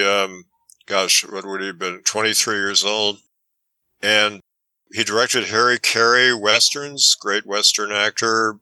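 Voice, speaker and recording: A man with a lowish voice gives conversational, explanatory interview answers. His sound is very sharp and dry, with the tinny tin-can tone of a poor microphone. He feels his way through phrases as he explains. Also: no echo. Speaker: interview guest, author and film professor. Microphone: poor makeshift microphone.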